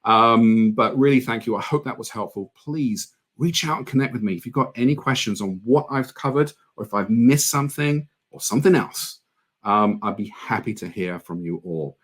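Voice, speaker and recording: A man's voice: mid-range voice, normal speed, a bit bright. A man giving an online conference presentation on product marketing, earnest and conversational with frequent ums.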